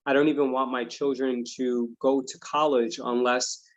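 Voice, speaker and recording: A man's voice: medium pitch, flat delivery, normal speed. Earnest male investing host, dull lo-fi audio. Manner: earnest, reflective, many "um" and "you know". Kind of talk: casual interview chat.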